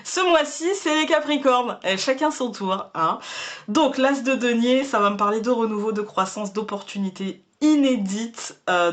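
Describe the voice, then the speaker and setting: A woman hosting her own channel, giving a casual monthly tarot reading to camera in a chatty way, often repeating words as she searches for the next one. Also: mid-range voice. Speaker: tarot reader and channel host.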